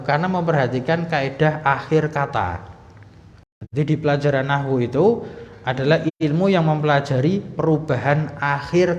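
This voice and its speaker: Man teaching in an echoey mosque. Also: a little high. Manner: explains step by step, asks the class questions. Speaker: Arabic teacher. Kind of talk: mosque class lesson. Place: mosque hall. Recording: echoey hall, dull lo-fi sound.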